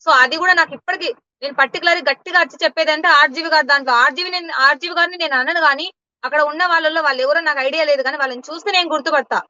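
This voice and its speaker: A woman's voice: high-pitched, very fast, bright, forceful tone, no room sound, lo-fi sound. A woman giving blunt, indignant answers in an interview. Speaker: interview guest.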